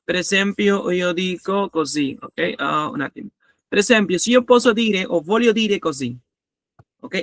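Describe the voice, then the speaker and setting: A man's voice: high-pitched, sharp tone, no room sound, studio quality. A man teaching a grammar lesson, patiently repeating each example and checking that students follow. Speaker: language teacher.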